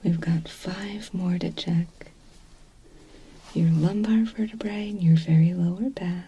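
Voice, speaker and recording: A woman in a whispered role-play, speaking as a gentle clinic examiner in a soft, reassuring, step-by-step manner. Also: lowish voice, fairly even intonation, unhurried, dull audio, slight background noise. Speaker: ASMR performer playing a clinician.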